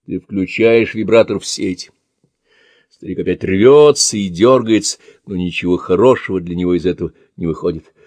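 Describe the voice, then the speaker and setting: A man reading an audiobook in measured, quiet second-person narration. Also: low-pitched, no room sound.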